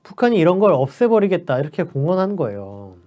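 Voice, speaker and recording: Animated, mellow-voiced male commentator. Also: high-pitched, fast talker. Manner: animated and persuasive, with rhetorical questions. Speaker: political commentator. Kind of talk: explanatory commentary.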